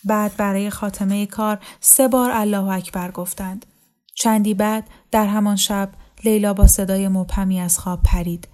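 Mellow-voiced woman reading a novel. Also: mid-range voice, steady tone. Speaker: audiobook reader. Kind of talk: scripted narration of a novel.

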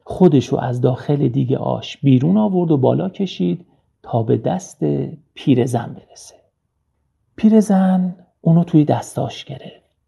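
A man narrating a children's storybook in a slow, gentle storytelling manner. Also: a little high, animated, gravelly, slightly rough. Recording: dull lo-fi recording.

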